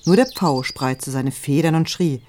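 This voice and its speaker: A reader telling a storybook aloud in a calm, gentle way. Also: mid-range voice, measured pace, slight background noise. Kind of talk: storybook reading.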